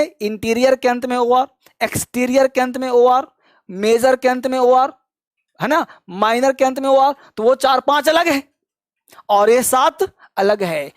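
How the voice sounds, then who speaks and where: A man teaching an English lesson, drilling word lists at a brisk clip and calling his students kids. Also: very high voice, no echo, studio quality. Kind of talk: spoken grammar lesson.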